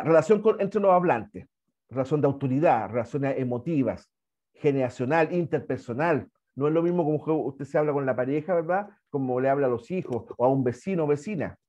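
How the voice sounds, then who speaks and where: A man's voice: mid-range voice, dark tone. Chatty Chilean male teacher, muffled sound. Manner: chatty, repeats words, asks "¿ya?" often. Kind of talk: online class lecture.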